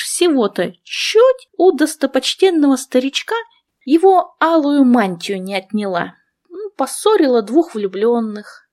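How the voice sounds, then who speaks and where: A woman reading a first-person story aloud with playful, expressive narration. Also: a little high. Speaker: audiobook reader.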